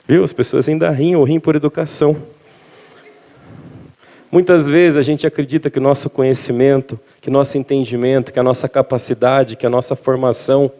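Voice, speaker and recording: This gravelly, medium-pitched male voice belongs to a preacher from Minas Gerais, Brazil. During a church service, he livens up his sermon by telling the congregation jokes and stories.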